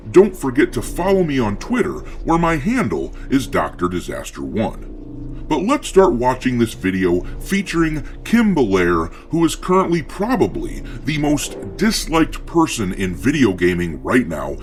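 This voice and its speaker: Male commentary host with a swooping, animated voice who sneers through scripted, sarcastic remarks. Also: mid-range voice, unhurried, soft background music. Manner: mocking, sarcastic; pirate-themed greetings.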